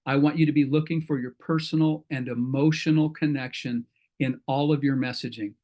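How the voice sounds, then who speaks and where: This mellow, mid-range male voice moves fairly quickly with fairly even intonation. He's a middle-aged man running an online meetup for entrepreneurs, talking casually to the group, rambling folksily and often stopping to correct himself.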